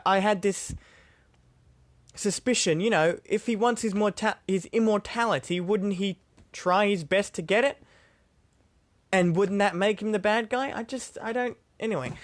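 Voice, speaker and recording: Rambling, high-voiced young man. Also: dry recording. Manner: rambling and profane, full of fillers and restarts. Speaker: movie reviewer. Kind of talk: casual spoken movie review.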